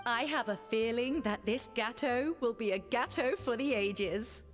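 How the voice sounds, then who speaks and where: A woman's voice: a little high, a little slow, lightly acted. A woman voicing a refined, exacting female food judge in a video game. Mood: gushing. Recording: reverberant game audio with music behind.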